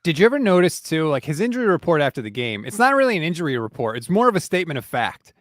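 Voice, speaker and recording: A man with a slightly high voice talks sports on a podcast in a lively, animated way. He tells stories and slips into the tone of the coaches he quotes. The sound is dry and close. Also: racing, no echo. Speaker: podcast guest, team beat writer. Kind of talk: casual sports talk.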